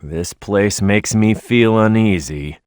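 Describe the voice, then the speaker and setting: A man's voice: on the low side, slow, darkish tone, clear, resonant tone, dry recording, studio quality. A man voicing a tough, hot-headed young echidna fighter in a video game, confident and punchy. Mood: wary, puzzled. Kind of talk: scripted video game character voice acting.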